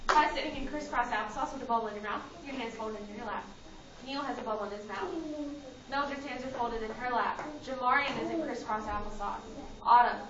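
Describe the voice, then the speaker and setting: A woman teacher using a kindergarten teacher voice, instructing young children with simple, repeated, directive phrases. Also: a little high. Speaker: early elementary school teacher. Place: classroom with children, indoors. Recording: dull, roomy, distant classroom recording with children.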